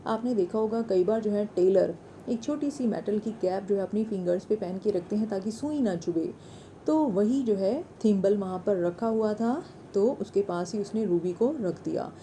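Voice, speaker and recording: A woman's voice: mid-range voice, dark tone, slight background noise, low-quality recording. An Indian woman teacher with an Indian English accent, reading an English story line by line and explaining it in Hindi. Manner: reads English lines slowly, then explains in Hindi with word meanings.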